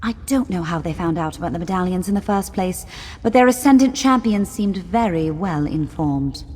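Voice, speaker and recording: Earnest, indignant enchanter in echoing reverb. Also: female voice, on the low side, expressive, moderate pace, a little mellow, slightly rough. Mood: indignant, explaining. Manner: articulate, formal, urgent. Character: rescued female enchanter, earnest, indignant kidnap victim. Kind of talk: video game voice acting. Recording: long cave-like reverb, slightly muddy.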